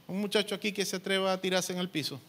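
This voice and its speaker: A man's voice: high voice, fairly even intonation, fast talker, a bit bright. A man preaching a sermon as pastor, in a conversational way and often checking that the congregation follows him.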